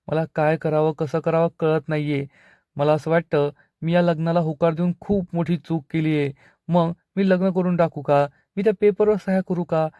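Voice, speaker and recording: A frightened young woman pleads anxiously for help, read out by a man recapping a serial. The voice sits a little high and stays mellow, with no dramatic transformation. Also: dry recording, clean studio sound, close to an everyday voice.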